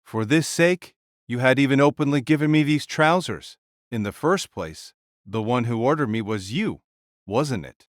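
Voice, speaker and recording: A man's voice: medium pitch, animated, normal speed, no room sound, clean studio sound, close to an everyday voice. A man voicing a giant, boisterous ancient king spirit in an audio drama, hearty and blunt in manner. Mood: argumentative. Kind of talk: fan audio drama acting.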